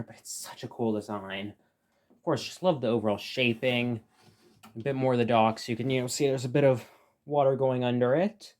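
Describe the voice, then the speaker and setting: A man's voice: mid-range voice, slight background noise. A man giving a casual, rambling review of a toy set from his room, full of fillers and restarts.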